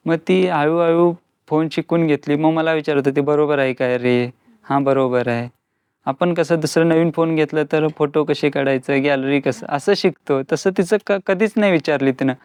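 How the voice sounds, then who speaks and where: A man's voice: fairly high pitch, moderate pace, a little mellow, smooth, dry recording, clean studio sound. A young man recounting family memories in a plain, matter-of-fact way as an interviewee. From Khanapur, Belgaum, India.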